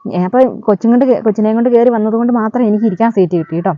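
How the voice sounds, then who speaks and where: A woman's voice: on the high side, rapid-fire, no room sound. A woman, telling a story in a chatty vlog way and adding a friendly "you know" to her sentences. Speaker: vlogger. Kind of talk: casual storytelling. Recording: dull lo-fi dry recording.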